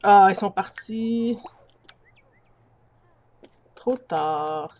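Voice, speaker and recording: She draws out her words in a mid-range, slightly mellow voice, her Quebec French accent clear over casual video game commentary. Friendly and chatty with viewers, she laughs easily, and her built-in computer mic picks up a faint hiss or hum.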